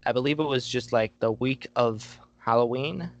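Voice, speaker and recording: A man's voice: mid-range voice, moderate pace, dry recording, dull audio. A man hosting a podcast, chatting casually in a jokey, rambling way and laughing easily. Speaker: podcast host. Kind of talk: casual chat.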